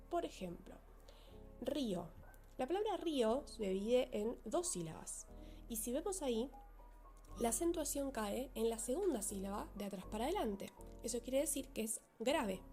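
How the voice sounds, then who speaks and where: A woman teacher, explaining a grammar lesson in a clear, methodical way and slowing down to stress key words. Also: a little high, mellow.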